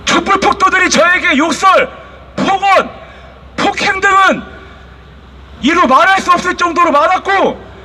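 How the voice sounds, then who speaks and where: High-pitched aggrieved man speaking at a protest. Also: moderate pace, pauses often, pushed and bright. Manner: emphatic, aggrieved, in short declamatory phrases. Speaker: protest activist giving testimony. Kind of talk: protest speech. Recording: faint outdoor street noise.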